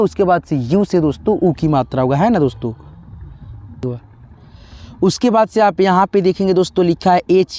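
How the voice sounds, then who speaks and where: A man's voice: sits high, warm tone, dry recording. A man teaching a beginners' spelling lesson, patiently spelling out each word letter by letter and repeating them. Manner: patient, repeats letters, addresses viewers as friends.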